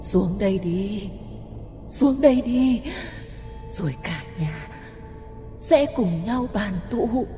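A man putting on the ghost of a young woman, calling out in a high, eerie wail. Her voice rings with a long reverb, and soft music plays underneath it. She is vengeful and pleading, a figure from a spoken horror story. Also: animated, slow pace, long pauses. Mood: menacing.

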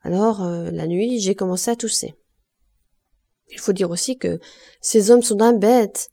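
A woman's voice: medium pitch, unhurried, vocal fry, mellow. A woman reading aloud and voicing a weary, reckless young laundress who talks in a brash, cynical way. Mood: bitter, brash. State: hoarse cough.

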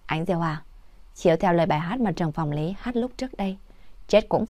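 A woman's voice: fairly low pitch, animated, fairly quick, mellow, no echo, studio quality, natural voice. A woman voicing a pregnant office friend who urges and insists. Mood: urging. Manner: insistent, urging.

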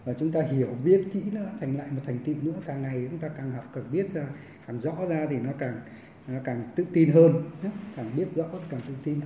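A man, a Buddhist monk giving a Dharma lecture in a halting way, full of repeated fillers and restarts, recorded in a monastery hall. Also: fairly high pitch, warm tone, a little hiss or hum. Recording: roomy echo, mic at a distance.

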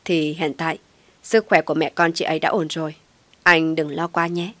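A woman doing a male doctor, clipped and defensive, in a low voice. He lectures rather than explains, and he sounds close and dry. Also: fast, no room sound, close to an everyday voice. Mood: calm. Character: curt male hospital doctor.

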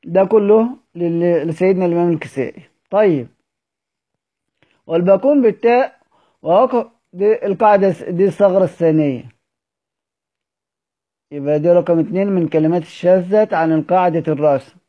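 A man's voice: sits high, fairly quick, pauses often. A man with an Egyptian accent teaching a study circle, quizzing his students and answering his own questions. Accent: Egyptian Arabic. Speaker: Quran recitation teacher. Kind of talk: recorded study-circle lesson. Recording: dull lo-fi audio recording.

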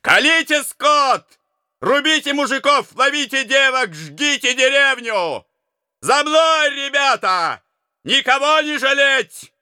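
Storybook villain: a man doing a ruthless mounted chief, shouting, raised pitch. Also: animated, slow, no room sound, studio quality, exaggerated voice. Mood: savage. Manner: shouting commands.

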